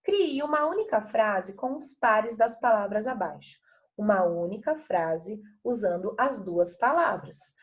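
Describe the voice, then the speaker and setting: A woman's voice: medium pitch, lively intonation, unhurried. A middle-aged woman teacher from Brazil walking pupils through workbook exercises in a video lesson, patient and chatty, often checking that they follow.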